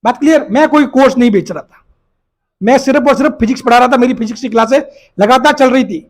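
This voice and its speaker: Male exam-prep teacher, very high voice, emphatic and repetitive, keeps checking that students follow. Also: fast. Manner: emphatic, repeats points, asks "बात clear?". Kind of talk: casual talk to students.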